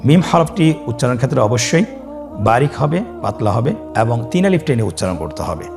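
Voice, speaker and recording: Over background music, a man with a medium-pitched voice and big pitch swings teaches Quran reading step by step. In this scripted lesson on Arabic letters, he stretches and sings each letter name so listeners can repeat it.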